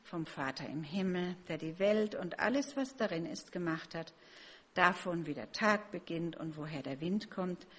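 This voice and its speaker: Husky woman reading a story to children. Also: lowish voice, expressive, moderate pace, a bit bright. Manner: friendly and chatty, talking to the children. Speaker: children's story reader at a church service.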